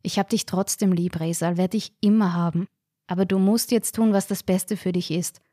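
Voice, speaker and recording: A woman's voice: medium pitch, fairly even intonation, normal speed, warm tone, no echo, studio quality, lightly acted. A woman voicing an earnest, heartbroken young rural man. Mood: pleading. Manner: earnest, pleading.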